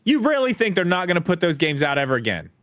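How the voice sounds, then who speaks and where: Lively high-voiced man on a podcast. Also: fast, no echo, clean studio sound. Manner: lively, teasing, drops to mumbles. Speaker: podcast co-host. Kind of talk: casual chat.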